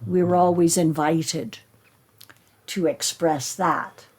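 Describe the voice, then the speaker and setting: A woman actor talking reflectively in an interview, with earnest, deliberate and emphatic phrasing. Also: lowish voice, steady tone, a little mellow, husky. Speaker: stage actor.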